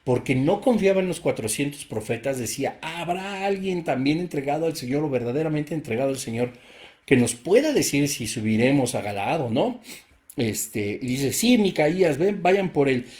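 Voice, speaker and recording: A man's voice: medium pitch, expressive, normal speed, darkish tone. A man with a Mexican accent teaching a Bible study, reading verses aloud and explaining them with rhetorical questions in a casual way. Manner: casual, repeats himself and restarts phrases.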